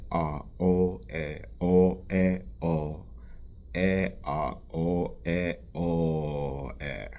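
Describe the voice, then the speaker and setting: A man who grew up in Bulgaria, a piano teacher and vocal coach, explaining pronunciation slowly and carefully in a tutorial. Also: a bass voice, darkish tone.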